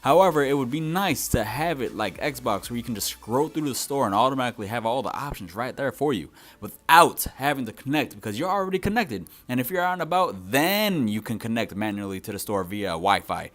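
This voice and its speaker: A man's voice: mid-range voice, sing-song, a little fast, few pauses, fairly bright tone. A young man giving a scripted but conversational video game review as its host.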